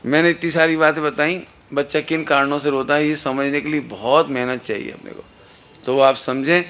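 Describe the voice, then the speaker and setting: A man's voice: on the high side, fairly even intonation, normal speed, a bit bright. A middle-aged man preaching a sermon at a religious gathering on a microphone, earnest and instructive, asking the listeners rhetorical questions. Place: satsang gathering hall. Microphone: amplified microphone.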